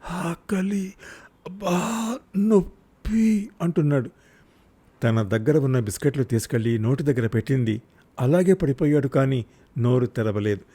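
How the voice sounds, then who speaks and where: A man's voice: mid-range voice, warm tone. A man narrating a written short story aloud, reading expressively and lifting his voice for the characters' cries.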